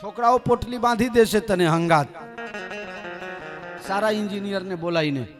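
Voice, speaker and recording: A man's voice: sits high, normal speed, faint music behind. A man from Gujarat preaching a devotional scripture story, with humorous asides to the audience. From Gujarat, India. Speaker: katha preacher.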